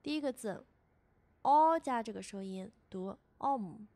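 A woman's voice: fairly high pitch, expressive, warm tone, dry recording. Patient teacher woman, dry close voice. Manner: patient, repeats each syllable slowly for learners. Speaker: language teacher. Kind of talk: scripted lesson voice-over.

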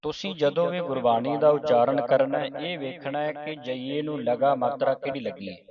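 A man teaching the pronunciation of scripture, patiently repeating each point and slowly chanting verses between his explanations. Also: mid-range voice. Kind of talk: step-by-step recitation lesson. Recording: muffled, distant with crowd behind.

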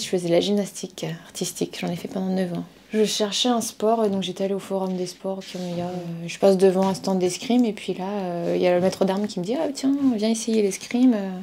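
A woman in her thirties recounts her path into fencing in a relaxed, warm tone, pausing often to search for words. It is a casual indoor interview. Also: medium pitch, a little hiss or hum. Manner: storytelling, frequent hesitations. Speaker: fencer. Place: office indoors.

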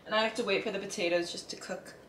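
A young adult woman talks fast and casually to the camera, full of slang, thinking aloud while she cooks in her home kitchen. Her voice is medium-pitched, steady and fairly bright, picked up by a camera a step away. The room echoes, with faint noise and kitchen clatter in the background.

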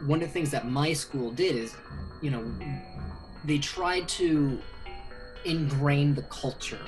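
A man in his thirties from Indonesia, an animated filmmaker hosting a casual video-call interview from a small bedroom, talking with many fillers. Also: fairly high pitch, slow, music in the background, low-quality recording. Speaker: filmmaker and host. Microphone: webcam video call.

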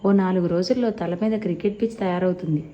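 A woman's voice: on the low side, fairly even intonation, quick pace, slight background noise, natural voice. A woman voicing a playful young wife who teases her husband, on a slightly dull recording. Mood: teasing. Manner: teasing, mischievous.

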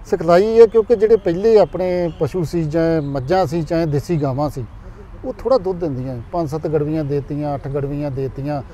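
Quick, mellow-voiced Punjabi male expert. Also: a little high. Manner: earnest, explains with figures and examples. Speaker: dairy expert guest. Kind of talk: explanatory interview answers.

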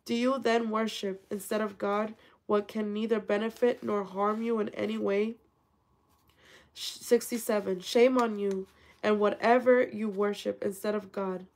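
A woman's voice: mid-range voice, steady tone, a little slow, a little mellow, rough recording. A woman reading a scripture translation aloud, calling out verse numbers and stumbling over words, then correcting herself as she goes. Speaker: scripture reader.

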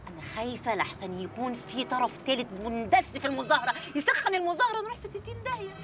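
A woman's voice: sits high, expressive, racing. An actress playing a nervous, stammering female friend at a street protest, speaking with an Egyptian Arabic accent. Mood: anxious. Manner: anxious, stammering. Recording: distant voice, loud music and crowd.

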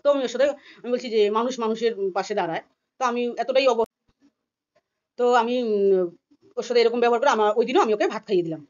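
A woman from India ranting fast and agitatedly in a personal vlog, often acting out other people's words. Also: fairly high pitch, a little mellow, highs cut off. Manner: rapid and agitated, acting out quoted voices. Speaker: vlogger. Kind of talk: heated personal vlog rant.

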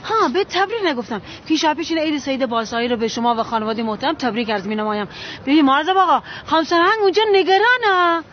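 A woman's voice: high-pitched, slight background noise, lightly acted. A woman playing a chatty, bickering housemaid. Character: chatty housemaid, meddling and quick-tongued. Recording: muffled film audio.

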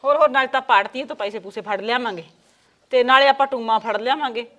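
A woman's voice: on the high side, quick pace, a bit bright, close to an everyday voice. A woman playing a bossy older mother-in-law in a village family, talking bluntly and scolding, with a Punjabi village accent. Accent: Punjabi village speech.

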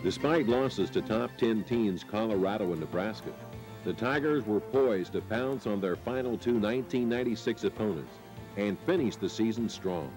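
An American man reading scripted sports highlight narration in measured, dramatic phrases with pauses. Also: over music, rough recording.

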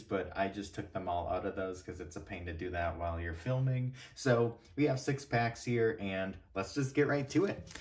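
A man's voice: fairly low pitch, slight background noise. A young man giving casual, laid-back commentary as he hosts a card-opening video. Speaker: card-opening channel host.

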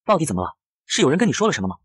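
Man reading a smooth rich young schemer, pleading, soft-spoken, comic story voice. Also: a little high, huge pitch swings, racing, no echo, studio quality, full character voice. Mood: tense. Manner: coaxing, pleading, softly persuasive.

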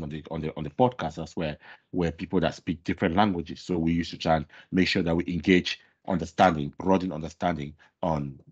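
A very deep, husky male voice, roughened by a cold, delivers a conference talk in halting phrases full of pauses. The recording sounds dull and lo-fi, like a conference room capture. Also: a little mellow. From Scotland. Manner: halting, with many ums. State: has a cold. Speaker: conference speaker.

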